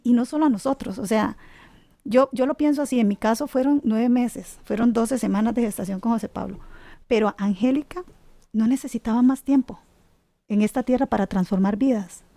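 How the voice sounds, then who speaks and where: Woman, middle-aged, mellow dark tone, personal testimony, devout. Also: a little high, dry recording. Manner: earnest, devout, with many restarts and tag questions. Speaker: guest sharing a grief story.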